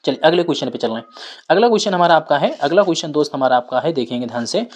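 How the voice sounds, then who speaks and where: A man's voice: a little high, lively intonation, racing. A man teaching a reasoning class, repeating key points and putting questions to his students. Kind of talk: classroom lecture.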